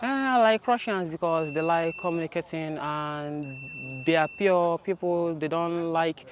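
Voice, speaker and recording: A man answers interview questions eagerly. He repeats words as he searches for them. His voice sits higher than most men's. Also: measured pace. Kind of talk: street interview.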